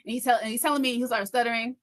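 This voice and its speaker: A livestream host and content creator with a fairly high, steady voice reads viewer comments aloud during a casual live chat. She talks fast, stumbling over her words and repeating herself often.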